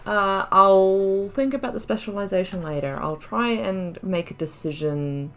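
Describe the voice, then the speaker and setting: Thinking out loud while she plays a role-playing game, this female YouTuber delivers relaxed, musing let's play commentary. She speaks at a measured pace in a mid-range voice.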